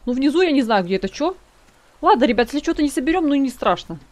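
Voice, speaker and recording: A woman with a high, sing-song voice talks fast as a let's play gamer giving casual gameplay commentary. She chats with her viewers and reads in-game notes aloud.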